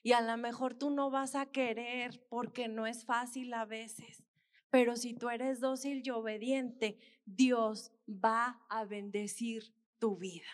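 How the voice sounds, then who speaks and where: A woman's voice: a little high, fairly even intonation, slow. A woman, a missionary dentist giving an earnest sermon testimony and often calling her listeners brothers. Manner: earnest storytelling, repeatedly addressing listeners as brothers.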